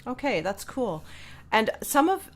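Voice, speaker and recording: A woman with a fairly high, very animated voice and a slightly slow pace hosts a podcast interview with a violinist. Her questions are long, thoughtful and rambling, dotted with small fillers and plenty of "you know"s.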